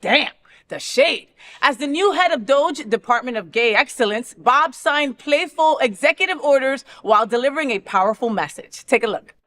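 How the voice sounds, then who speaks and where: Chatty woman hosting, fairly high voice. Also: expressive, fairly quick, few pauses, fairly bright tone. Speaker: talk show host. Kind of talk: chatty, opinionated co-host talk.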